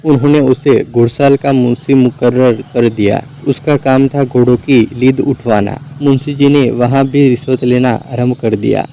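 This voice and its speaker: A man reading folk tales aloud as a storyteller, in an even, measured narration. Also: medium pitch. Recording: dry, slightly dull recording.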